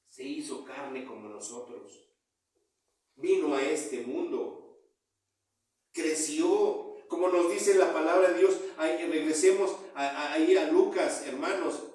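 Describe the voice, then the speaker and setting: A man preaching a sermon, calling out to his listeners as brothers, his voice swelling loud then dropping low. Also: slow pace, far from the mic. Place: church hall. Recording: echoey room, voice from off-mic.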